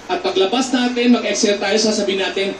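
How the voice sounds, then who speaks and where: A man, a theater actor, patiently teaching voice and breathing exercises on a TV show, breaking into loud demonstration shouts. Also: sits high, steady tone, quick pace, slight background noise. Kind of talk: instructive voice lesson on a TV show. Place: TV studio with a live audience. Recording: echoey studio, mic some distance off.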